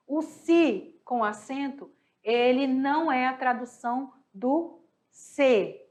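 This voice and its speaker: A Brazilian woman teaching a class, a little hoarse, patiently asking questions and answering them herself. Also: high-pitched, takes it slowly, darkish tone. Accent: Brazilian Portuguese. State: slightly hoarse, coughing. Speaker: Spanish teacher. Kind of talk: online class explaining exercises.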